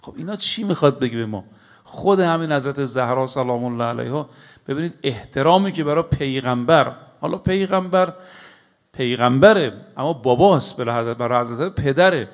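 A man's voice: mid-range voice, lively intonation. A man preaching a sermon to a congregation. He tells stories and recites scripture, and he speaks emphatically, often addressing his listeners directly. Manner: storytelling with recited Arabic scripture.

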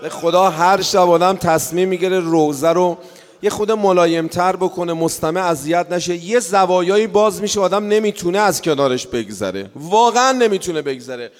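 A man giving a mourning sermon, chanting the story and rising into wailing shouts. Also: sits high. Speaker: mourning preacher. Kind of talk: lamenting religious sermon. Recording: reverberant hall.

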